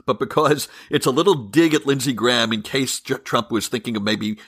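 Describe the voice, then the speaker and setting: Ranting moderate podcast host, bright voice. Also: male voice, medium pitch, fairly quick, husky. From California. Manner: animated, ranting, chuckles often. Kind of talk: casual political debate chat.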